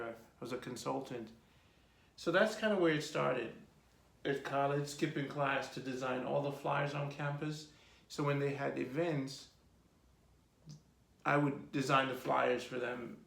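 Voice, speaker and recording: A man in his fifties with a Jamaican accent, telling his life story in a relaxed, rambling interview with many ums. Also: mid-range voice, creaky. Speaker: host being interviewed by his daughter. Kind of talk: casual personal interview. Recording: echoey room.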